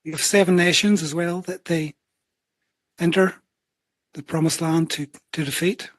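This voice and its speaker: A man's voice: fairly high pitch, fairly even intonation, normal speed, fairly bright tone, no room sound. A man taking part in a Bible study discussion, offering tentative, hedged observations.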